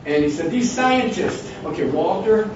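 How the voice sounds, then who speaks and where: Older man in his sixties, Bible study leader, rambling delivery, slightly high voice, recorded from far off in a very echoey room. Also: lively intonation, moderate pace. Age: 60s. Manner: rambling, with frequent restarts and asides. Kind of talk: informal Bible study talk. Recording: distant, dull, noisy room recording.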